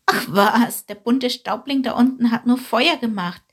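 A woman voicing a fat, easygoing male bird in a storybook reading, amused and reassuring, with a breathy tone. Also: a little high, measured pace, fairly bright tone, pitched above the performer's own voice.

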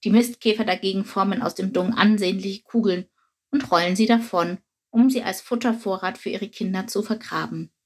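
Breathy woman reading a storybook. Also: medium pitch, normal speed. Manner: calm, even reading aloud. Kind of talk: scripted storybook narration.

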